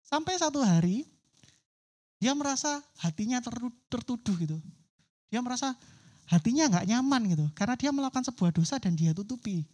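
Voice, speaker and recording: A woman's voice: a little high, expressive, fairly quick, mellow. Woman preacher at a church service, vivid storyteller who acts out her characters' voices. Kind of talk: sermon storytelling.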